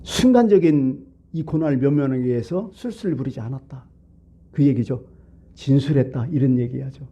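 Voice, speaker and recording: A man preaching a Sunday sermon in a church, talking to his congregation in a plain conversational way with lots of rhetorical questions. His voice is dark and husky. The recording sounds dull and muffled. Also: mid-range voice, normal speed. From South Korea. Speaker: pastor. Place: church sanctuary.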